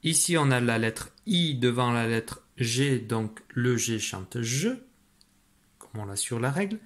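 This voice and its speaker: A man's voice: medium pitch, expressive. Patient man teaching phonics to children. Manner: patient, slow, spells out letters and sounds; encouraging, praises the listener. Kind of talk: phonics lesson for young children.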